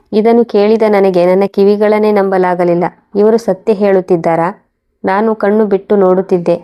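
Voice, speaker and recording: A woman reads a first-person moral story aloud at a steady, even pace. Her voice stays mellow and dark, and her pitch barely moves. The delivery is calm and level from line to line.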